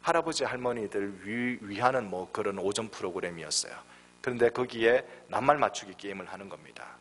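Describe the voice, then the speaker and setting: A man in his forties, a guest pastor from Daegu with a Gyeongsang accent, preaching a sermon with lively storytelling and emphatic peaks. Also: lowish voice, fairly quick. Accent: Gyeongsang Korean. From Daegu, South Korea. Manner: animated storytelling, acts out voices, rising to emphatic peaks. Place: church sanctuary. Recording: long hall reverb.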